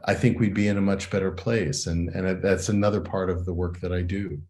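Deep-voiced man, earnest interview guest. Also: steady tone, fairly quick, darkish tone. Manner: earnest and reflective, often adds "right?". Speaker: educator and consultant, interview guest. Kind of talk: interview conversation.

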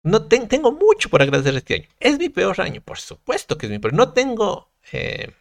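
This content creator, appearing as a podcast guest, has a high, gravelly voice that swings hugely in pitch, delivered at ordinary speed with no echo. In relaxed conversation he reflects earnestly on personal experiences, pressing his points hard and often starting sentences over.

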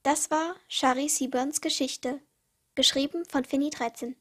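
A woman's voice: high voice, fairly even intonation, a little slow. A teenage girl reading her own short stories aloud for her podcast, with small slips and restarts. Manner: reads with small slips and restarts, uneven pace.

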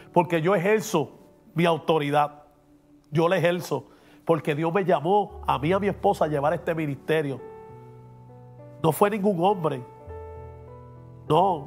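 Pastor for a preaching podcast, high voice, emphatic, faint music underneath. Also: male voice, darkish tone. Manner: emphatic and preachy, drops English words in. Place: podcast studio.

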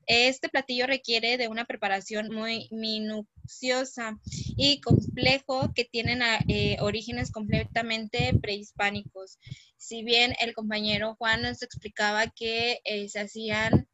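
A woman with a Mexican accent presents with a fairly high voice. She fills her pauses often and corrects herself as she goes. The sound is dry and close. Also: little pitch movement, pushed and bright, no echo, low-quality recording. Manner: hesitant, many fillers.

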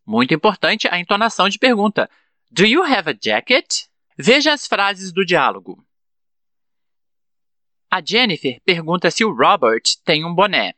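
A man with a Brazilian Portuguese accent hosting an English-learning podcast, slowly drilling example sentences for students. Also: high-pitched, big pitch swings, bright, forceful tone, no echo. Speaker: podcast host and English teacher. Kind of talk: teaching English lesson.

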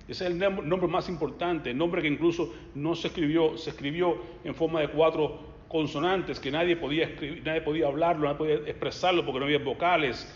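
A man preaching a sermon, his voice sitting a little high. He moves between loud, emphatic passages and quiet, low asides. The sound is roomy and slightly dull, with a long reverb tail. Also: fairly even intonation, a little fast, a little hiss or hum.

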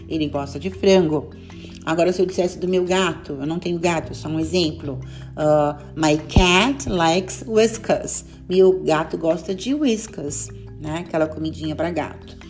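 A Brazilian woman with a Brazilian Portuguese accent, explaining English grammar and pronunciation patiently in a podcast lesson, slowing down for example phrases. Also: lowish voice, a little mellow. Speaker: English teacher.

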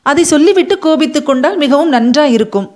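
A bold young prince, as a woman narrator puts him on, without much change from her own voice and a little higher than the narration. He teases with a mocking edge, then turns earnest and pleading. This is an audiobook reading. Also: expressive, fast, a little mellow. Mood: teasing, earnest. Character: young male crown prince, bold and teasing. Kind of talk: audiobook character voice.

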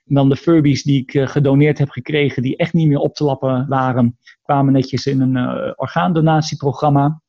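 Male interview guest, dark gravelly voice, thoughtful and halting, muffled recording. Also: medium pitch, fairly even intonation. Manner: thoughtful, hesitant with many fillers and restarts. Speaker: guest, artist and robot researcher. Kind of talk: conversational interview.

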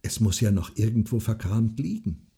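A man's voice: fairly low pitch, normal speed, creaky, slightly rough, heavily acted. A man voicing a bold, cheeky young peasant girl. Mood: spirited. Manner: lively and cheeky.

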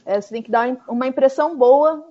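Talking fast in a warm, high-sitting voice, a Brazilian guest describes her hitchhiking experiences in a relaxed, chatty conversation. She uses lots of fillers, especially "tipo," and the audio is dull lo-fi.

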